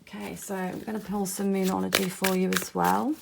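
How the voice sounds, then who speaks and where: A woman in the middle of her usual pitch range, reading tarot cards to a viewer. She thinks aloud as she goes, hedging each insight in a gentle, reassuring way and now and then letting out a soft laugh. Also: flat delivery, fairly quick, vocal fry, noisy background. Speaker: tarot card reader. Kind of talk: pick-a-card tarot reading to camera.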